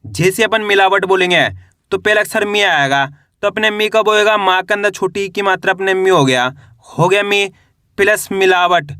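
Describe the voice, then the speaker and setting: A man with a high, bright voice walks through a reading lesson, stretching each syllable and asking and answering every word himself. The recording is dry and close, with no room sound. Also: smooth, no echo. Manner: slow, drawn-out syllables, repeats each word as a question and answer. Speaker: Hindi reading teacher. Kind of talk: step-by-step spelling lesson.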